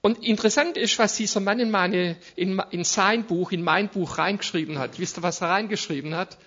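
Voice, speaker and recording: A man's voice: high-pitched, brisk, a bit bright, highs cut off. A man preaching a conversational sermon as a guest speaker, with frequent tag questions and restarts. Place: church service.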